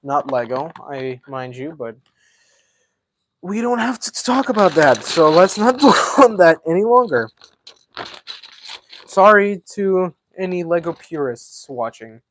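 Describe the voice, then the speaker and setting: A man's voice: fairly high pitch, animated, measured pace, fairly bright tone, slight background noise. A man hosting a casual live stream, chatting and thinking aloud as he builds, a self-described yapper. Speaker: livestream host.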